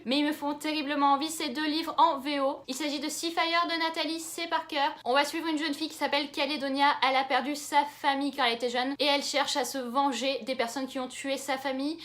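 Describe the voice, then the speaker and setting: A woman's voice: high voice, fairly bright tone. A young woman from France chatting enthusiastically in a casual book haul vlog. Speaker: book YouTuber.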